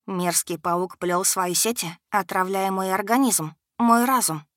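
A woman's voice: medium pitch, a little slow, dry recording, studio quality. A woman reading a first-person audiobook in a dramatic, tense storytelling manner. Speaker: audiobook reader.

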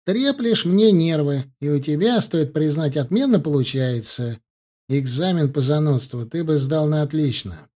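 Cocky male student in an audiobook, voiced by a man, sneering and dark-toned. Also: a little high, lively intonation, unhurried. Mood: mocking. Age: young adult. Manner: mocking, teasing.

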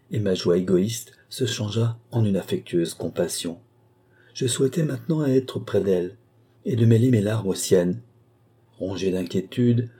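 A man reading a literary novel aloud as an audiobook narrator, in a measured, even storytelling manner. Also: lowish voice, breathy edge.

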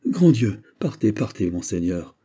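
A man's voice: lowish voice, very animated, unhurried, warm tone, breathy edge, exaggerated voice. A man voicing a proud and tender young noblewoman in an audiobook reading, speaking in an earnest, pleading manner. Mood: alarmed.

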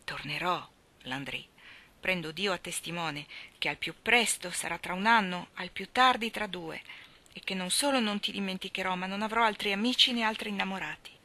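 A woman's voice: medium pitch, moderate pace, sharp tone. A woman reading as an earnest young country girl.

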